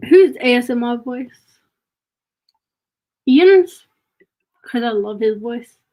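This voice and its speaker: A woman's voice: a little high, lively intonation, takes it slowly, dark tone, rough recording. A young woman streamer chatting casually and gushing while reacting to a trailer.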